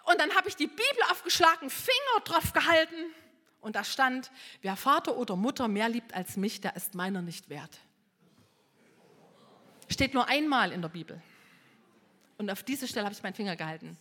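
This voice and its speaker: A woman's voice: on the high side, normal speed, long pauses, big-room sound. Impulsive middle-aged woman from East Germany. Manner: impulsive, animated storytelling that swings from hushed to loud. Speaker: speaker giving a personal testimony. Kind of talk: emotional personal testimony to an audience.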